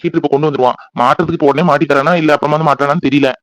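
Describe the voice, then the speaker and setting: A man's voice: on the high side, fairly even intonation, racing, no echo, natural voice, low-quality recording. A man voicing a young cartoon husband and father who teases his wife and uses baby talk with his daughter. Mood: teasing. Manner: playful, teasing, baby talk to the child.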